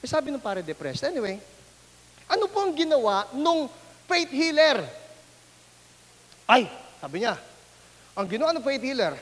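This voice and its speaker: A man's voice: very high-pitched, big pitch swings, normal speed, pauses often, fairly bright tone, big-room sound. A man preaching as a pastor, telling a story animatedly and acting out the people in it. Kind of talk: sermon storytelling.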